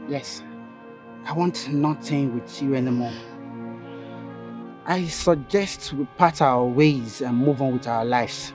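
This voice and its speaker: An actor plays a calm, resolute man ending a relationship. His voice sits at a middle pitch, steady and firm. Soft movie music plays underneath. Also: slow pace, long pauses, close to an everyday voice. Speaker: ex-lover. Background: film score music.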